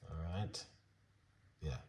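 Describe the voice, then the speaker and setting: A man with a soft, quiet voice, hosting a casual cooking demonstration and chatting unhurriedly with plenty of fillers. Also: slow pace, reverberant, recorded from a distance, heavy background noise. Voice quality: soft, low-volume voice. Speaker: recipe channel host.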